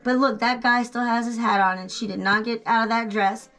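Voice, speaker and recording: A woman's voice: a little high, steady tone, a little fast, fairly bright tone. A woman from Texas working as an echoing cave guide, giving a casual, enthusiastic tour with folksy, informal speech inside a cavern. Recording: echoing cave, distant mic, noisy.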